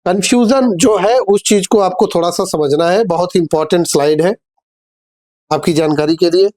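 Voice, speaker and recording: A man's voice: sits high, darkish tone. A man teaching English grammar in a classroom-style lesson. He explains patiently, asks questions and answers them himself, and addresses his viewers as dear children. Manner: reads English example sentences slowly and deliberately.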